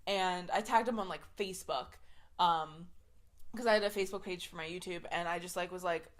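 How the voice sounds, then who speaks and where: A woman's voice: fairly low pitch, a little fast. Chatty young woman telling a story. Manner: chatty storytelling, heavy use of "like" fillers. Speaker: podcast host. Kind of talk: casual chat.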